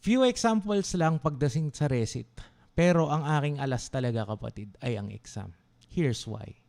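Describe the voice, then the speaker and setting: A young man from the Philippines, a law school vlogger, telling a story to his livestream viewers in an animated, dramatic way and asking them to reply. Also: mid-range voice, moderate pace, creaky. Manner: asks viewers to respond.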